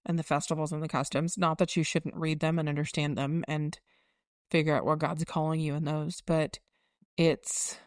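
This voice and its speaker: A woman's voice: deep voice, darkish tone, clear, resonant tone, dry recording, studio quality. A woman in her forties co-hosting a casual faith podcast, reflective and explaining things in a teaching tone. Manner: reflective, circling back, teaching tone. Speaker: podcast co-host.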